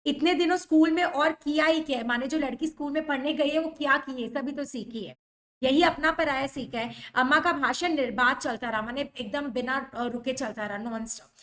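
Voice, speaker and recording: Female teacher, young, high-pitched; reads, then explains plainly. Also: normal speed, fairly bright tone. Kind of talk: line-by-line explanation of a novel.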